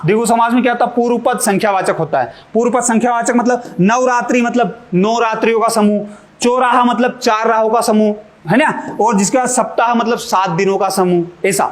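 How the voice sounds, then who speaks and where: High-voiced man teaching grammar. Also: a little fast. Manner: asks questions and answers them himself, with jokes. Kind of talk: exam-prep lesson.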